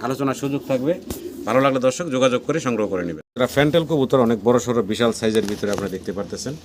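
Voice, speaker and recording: A man with a Bangladeshi Bengali accent talks at a breakneck pace, steady in pitch, as he walks through a farm. Pigeons coo loudly around the noisy recording. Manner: rapid patter, repeats prices, frequent blessings. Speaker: pigeon seller channel host. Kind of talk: fast walkthrough sales tour. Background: pigeons cooing.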